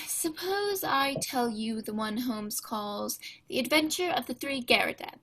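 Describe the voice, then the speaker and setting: A woman's voice: a little high, expressive, unhurried, full character voice, low-quality recording. Doctor Watson, as a woman plays him, genial. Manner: gentle, storytelling tone. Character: kindly male doctor narrator, steady and genial. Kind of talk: 1930s-style radio drama acting.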